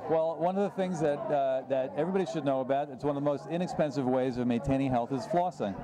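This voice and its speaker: Halting man interviewed in a noisy place. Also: medium pitch. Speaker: dentist, interview guest. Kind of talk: informal event interview. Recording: loud urban ambient noise.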